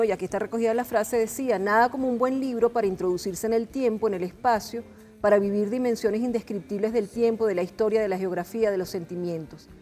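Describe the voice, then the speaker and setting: A middle-aged woman with a Venezuelan accent presenting a book programme in an earnest, measured way. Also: mid-range voice, a little mellow. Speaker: TV host. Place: TV studio. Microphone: lapel mic. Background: music.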